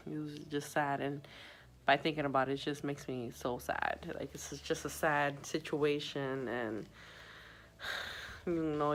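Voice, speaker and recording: With a deep voice and vocal fry, a young woman recounts a story from her job as a hospital sitter in a casual phone-recorded vlog. She's chatty but subdued and uses many fillers. The audio is poor.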